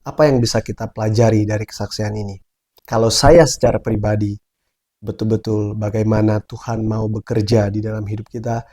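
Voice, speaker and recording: Seorang pria pembawa acara menutup video dengan refleksi tenang kepada penonton. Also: male voice, on the low side, little pitch movement, fairly quick, mellow. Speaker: channel host. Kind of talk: closing remarks to viewers.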